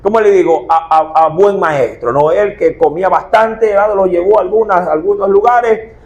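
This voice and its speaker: A man's voice: sits high, normal speed, a little mellow, muffled recording. A man, preaching a sermon as pastor, firing rhetorical questions at his congregation. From Ecuador.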